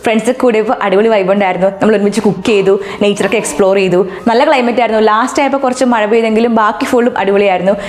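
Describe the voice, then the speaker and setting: A woman's voice: mid-range voice, fairly even intonation, rapid-fire, hardly any pauses. A woman vlogger with a Malayali accent, talking casually to viewers and mixing English words into Malayalam. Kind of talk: casual vlog sign-off to camera. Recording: roomy echo with music behind. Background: music.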